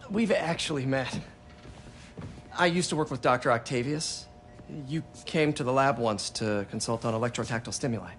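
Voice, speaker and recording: A man's voice: medium pitch, normal speed, a bit bright, slight background noise, close to an everyday voice. An actor playing an earnest, curious young man in a video game, friendly and conversational as he thinks aloud. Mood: polite. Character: earnest, curious young male hero and science whiz.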